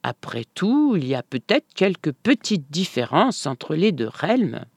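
A reader doing a calm, stubborn village man. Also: mid-range voice, measured pace, vocal fry, breathy edge, no echo, heavily acted.

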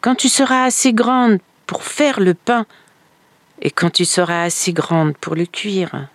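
A woman's voice: medium pitch, lively intonation, unhurried, no room sound. A woman storyteller voicing a stern father who speaks firmly. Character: stern widowed father, gruff and demanding.

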